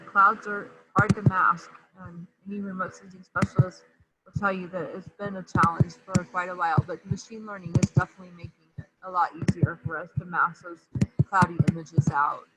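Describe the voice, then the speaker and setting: A woman's voice: on the low side, a little fast. Woman on a crackly mic that cuts out. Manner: relaxed and explanatory, frequent fillers. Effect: crackly mic cutting in and out. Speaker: webinar presenter. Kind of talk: live software demonstration.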